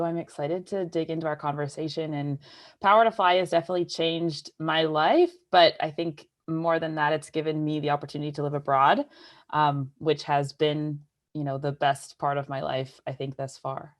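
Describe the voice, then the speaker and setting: Deep-voiced woman on a video call. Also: steady tone, normal speed. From Pittsburgh, USA. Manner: reflective, conversational, many fillers. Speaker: guest speaker. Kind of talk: casual video call chat.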